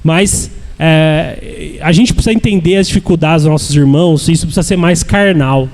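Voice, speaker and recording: A man's voice: on the high side, moderate pace, darkish tone. A man with a Brazilian accent teaching at a church congress, earnest and repetitive, often checking in with "né?". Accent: Brazilian Portuguese. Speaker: church speaker. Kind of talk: sermon-style teaching. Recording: echoey hall with long reverb.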